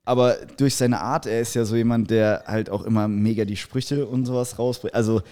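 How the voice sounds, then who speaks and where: A man's voice: fairly low pitch, steady tone, a little fast, warm tone. A young man co-hosting a podcast, rambling in slangy casual chat and laughing often. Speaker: podcast co-host.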